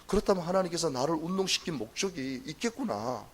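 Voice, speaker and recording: A middle-aged man preaching at a dawn prayer service, telling his own story in an earnest, animated way with emphatic repeats. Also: a little high, fast talker, husky. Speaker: pastor. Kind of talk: dawn prayer sermon testimony.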